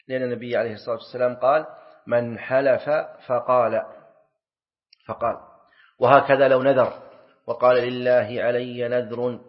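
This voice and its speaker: Man lecturing a class, dull lo-fi sound. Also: medium pitch. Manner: asks the class questions and answers them himself, repeats key phrases. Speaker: sheikh teaching a class. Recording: dull lo-fi recording.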